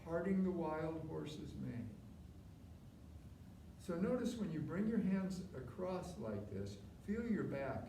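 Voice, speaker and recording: A man's voice: fairly high pitch, dark tone. Man teaching tai chi, distant and echoey. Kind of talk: live movement instruction, step-by-step cues. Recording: distant mic, roomy echo, clear background noise.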